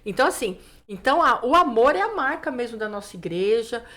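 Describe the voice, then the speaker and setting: A woman pastor with a slightly high voice speaks fairly quickly as a guest in a casual interview, sharing her testimony. She's a lively storyteller who acts out the dialogue, using lots of "né" fillers.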